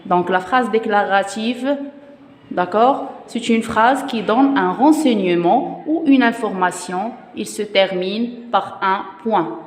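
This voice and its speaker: Lady teacher, slow and patient, says everything twice, echoey room. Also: medium pitch. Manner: slow, patient, repeats each point. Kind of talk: grammar lesson for children. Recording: echoey room with long reverb.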